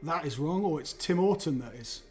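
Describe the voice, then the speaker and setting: A man explains software in a casual livestream demo. He talks in a relaxed, easygoing way. His voice sits a little higher than most men's. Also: moderate pace, over music. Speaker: guest presenting software.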